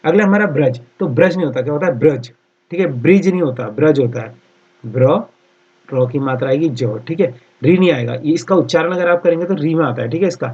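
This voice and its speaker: Male tutor, slightly high and husky, drilling answers in a dull lo-fi recording. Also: darkish tone. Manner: repeats answers slowly, frequent "theek hai" fillers. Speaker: exam-prep Hindi teacher. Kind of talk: online class lecture.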